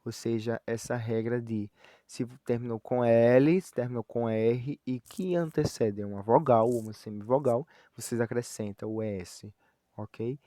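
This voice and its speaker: A man who speaks Portuguese natively, teaching Spanish grammar in a recorded lesson. He slows down to spell out each example and often checks in with "ok?" or "certo?". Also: medium pitch, steady tone, warm tone, no echo.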